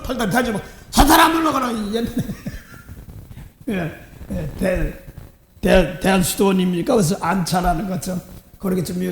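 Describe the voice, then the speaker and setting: A man's voice: sits high, reverberant, a little hiss or hum. A middle-aged male pastor preaching a dawn service sermon, telling a personal story with acted-out voices and frequent laughs. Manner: animated storytelling, acting out voices; self-deprecating, laughs often. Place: church sanctuary.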